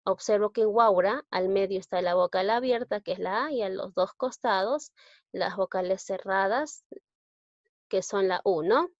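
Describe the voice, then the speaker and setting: A woman's voice: mid-range voice, normal speed, no echo. Patient woman teacher, dull dry recording. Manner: patient, explanatory, checks in with the listener. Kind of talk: recorded grammar lesson.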